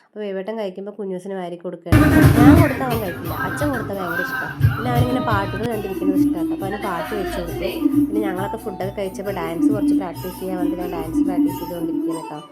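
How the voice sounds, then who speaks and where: A woman in her thirties with a Malayali accent, chatting homely and warmly about her family's school-day morning as a vlog voice-over. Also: mid-range voice, lively intonation, racing, loud music behind the voice. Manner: chatty, homely, often ending lines with a tag. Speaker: family vlogger, mother. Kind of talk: casual voice-over narration.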